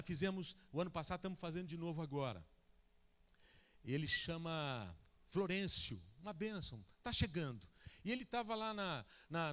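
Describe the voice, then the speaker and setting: A Brazilian man preaching a sermon as pastor, telling stories and acting out the people in them. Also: on the high side. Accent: Brazilian Portuguese. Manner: animated, acts out the people in his stories. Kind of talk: sermon with storytelling.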